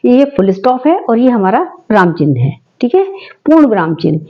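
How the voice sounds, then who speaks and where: High-voiced woman teaching a grammar lesson. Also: big pitch swings, moderate pace, lo-fi sound. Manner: explains step by step, asks and answers her own questions.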